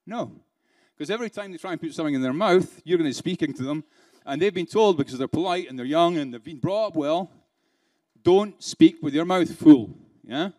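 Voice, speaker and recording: A man's voice: a little high, expressive, a little fast, a little mellow. Playful man quizzing a conference audience. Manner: interactive, quizzes the audience with rhetorical questions; laughs between points, playful. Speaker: keynote speaker. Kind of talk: conference keynote speech. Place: conference hall with a live audience.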